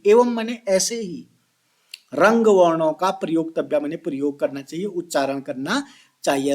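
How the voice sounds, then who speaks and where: High-voiced man teaching Sanskrit slowly. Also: no echo. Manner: addresses listeners as children, asks and answers own questions; chants verses slowly. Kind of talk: classroom explanation video.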